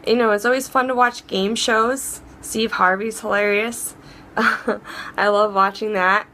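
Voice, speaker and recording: A woman's voice: medium pitch, steady tone, unhurried, a little hiss or hum. Chatty, encouraging woman vlogger. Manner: chatty and rambling, with frequent restarts and laughs; warm, encouraging and upbeat. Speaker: vlog host. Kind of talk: casual advice vlog.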